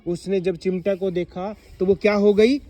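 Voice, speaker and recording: A man teaching young pupils in a classroom, asking them questions and slowly reading example sentences aloud. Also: sits high, flat delivery, warm tone. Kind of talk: classroom explanation to children.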